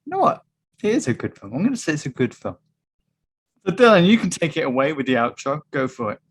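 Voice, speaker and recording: A man's voice: a little high, sing-song, fast talker, a little hiss or hum. A man co-hosting a casual football podcast over a video call, wry and joking, steering the chat. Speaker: podcast co-host.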